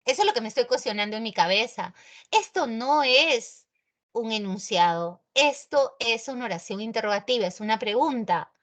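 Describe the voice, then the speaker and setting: A woman teacher with a Peruvian Spanish accent giving a grammar lesson in a chatty, expressive way, talking straight to her students. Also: a little high, fairly quick, few pauses. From Peru.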